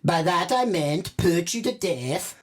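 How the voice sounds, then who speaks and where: Woman playing a slow, lowish put-upon store clerk. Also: lively intonation. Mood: defiant. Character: exasperated furniture store worker, secretly a Swedish gangster. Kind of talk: scripted comedic noir audio drama.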